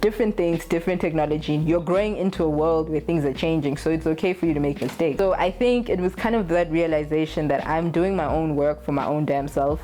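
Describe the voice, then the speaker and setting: A woman's voice: deep voice, fairly quick, few pauses, mellow, slight background noise. A young adult woman talking casually to camera in a candid, blunt way, swearing freely. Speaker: vlogger.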